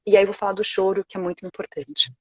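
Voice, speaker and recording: A woman with a Brazilian Portuguese accent, a sleep consultant speaking gently and reassuringly on a live video call. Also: medium pitch, little pitch movement, fast talker, husky, dry recording, lo-fi sound.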